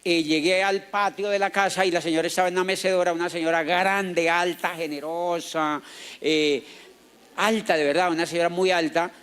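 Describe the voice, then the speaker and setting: A man's voice: high-pitched, moderate pace, clear, resonant tone. A man with a Colombian accent speaking as a motivational speaker, telling a story to a live audience and acting out the people in it, with jokes. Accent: Colombian Spanish. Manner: lively storyteller who acts out the people in his story, joking with the crowd. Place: auditorium.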